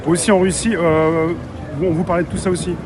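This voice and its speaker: A man's voice: fairly high pitch, level tone, a little fast. A man working as a street interviewer, asking casual questions outdoors. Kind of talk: casual vox-pop interviewing. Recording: noisy outdoor street with crowd.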